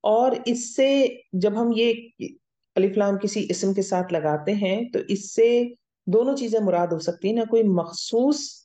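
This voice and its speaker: A woman's voice: mid-range voice, a little slow, mellow. A woman teaching Arabic grammar in a recorded lecture, explaining step by step and often checking that students follow. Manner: explains step by step, checks understanding with "theek hai?". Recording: dull lo-fi audio.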